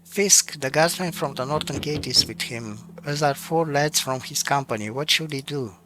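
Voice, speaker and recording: A man's voice: on the high side, moderate pace, noisy background. A man playing a video game, casually reading the narration and choices aloud with asides. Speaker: game streamer. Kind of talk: let's play, reading game text aloud. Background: game music.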